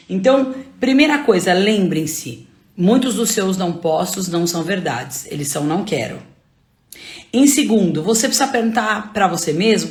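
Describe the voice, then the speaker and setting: A woman with a Brazilian accent giving a faith-based motivational talk, pressing her listeners with repeated rhetorical questions. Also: medium pitch. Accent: Brazilian Portuguese. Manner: emphatic, repetitive rhetorical questions. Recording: roomy echo.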